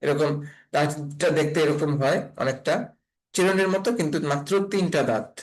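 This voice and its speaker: A man's voice: fairly high pitch, fairly quick, low-quality recording. A man teaching an online Quran reading class, patiently spelling out letters and repeating each sound.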